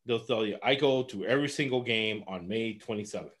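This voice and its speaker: A man from Los Angeles talks through his sports betting picks in a loose, rambling way, often breaking into laughter. His voice sits a little low. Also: fairly quick, a bit bright. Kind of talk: casual sports betting talk.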